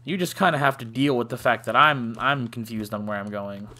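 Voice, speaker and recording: A man's voice: medium pitch, brisk, pushed and bright. A man giving casual let's play commentary, joking and self-deprecating, often sighing. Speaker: gaming channel host.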